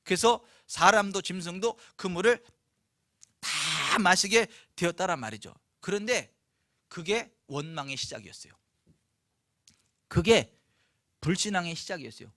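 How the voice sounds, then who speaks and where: Male pastor, high bright tense voice, emphatic sermon with rhetorical questions, dry close sound. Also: animated, unhurried, pauses often, no echo. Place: church, Friday night service.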